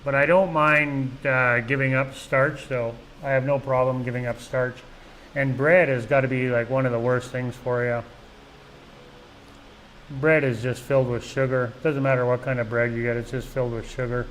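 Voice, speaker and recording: A man's voice: mid-range voice, little pitch movement, normal speed, a bit bright, a little hiss or hum, low-quality recording. A middle-aged man from Canada hosting a casual live vlog, rambling along with lots of "you know" and restarts. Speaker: vlog host. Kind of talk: casual live-stream chat.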